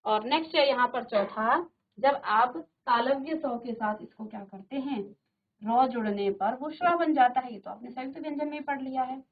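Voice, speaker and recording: Speaking at a normal speed in a high voice, a woman teacher leads a grammar lesson from a studio classroom. She repeats sounds as drills and checks on her class, all captured with thin, phone-like audio.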